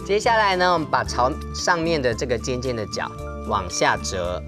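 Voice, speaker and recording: A man's voice: medium pitch, very animated, normal speed, over music. A young man with a Taiwanese accent hosting a children's origami lesson, speaking simply and coaxingly as if to toddlers. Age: young adult. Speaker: children's show host. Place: television studio.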